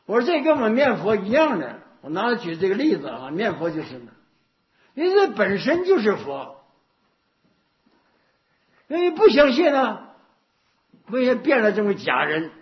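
A man's voice: high-pitched, huge pitch swings, moderate pace, long pauses. A male Buddhist teacher giving a dharma talk. He tells stories, repeats himself and asks rhetorical questions. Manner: anecdotal, repetitive, rhetorical questions. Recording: dull lo-fi recording.

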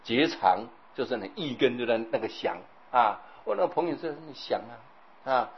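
A man giving a Buddhist sermon, telling lively stories, acting out scenes and often checking in with his listeners. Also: medium pitch, moderate pace, husky, dull audio. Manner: animated storytelling, acts out scenes, keeps asking the audience "right?". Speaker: Buddhist preacher.

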